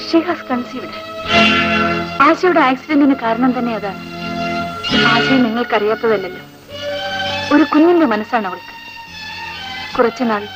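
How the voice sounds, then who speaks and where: An actress plays a caring young woman soothing a friend, her high voice earnest and gentle. It sounds like a dull, muffled 1980s film soundtrack with clear score music underneath. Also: natural voice. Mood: explaining.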